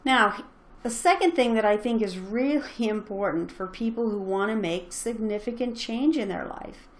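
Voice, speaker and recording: A middle-aged woman giving an earnest, encouraging motivational talk as a parenting coach, speaking straight to her listeners. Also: a little high.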